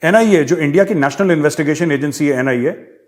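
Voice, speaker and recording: Brief: sarcastic male host of a political commentary show, higher than average voice. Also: brisk. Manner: sarcastic, mocking, animated. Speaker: host, retired army major.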